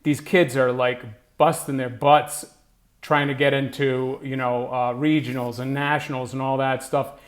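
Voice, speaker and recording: A man talks straight to the camera in a loose, conversational way and often drifts into fillers like "like" and "you know". His voice sits in a middle pitch, and his delivery stays relaxed and unscripted. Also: unhurried. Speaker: writer giving advice. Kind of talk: casual talking-head monologue.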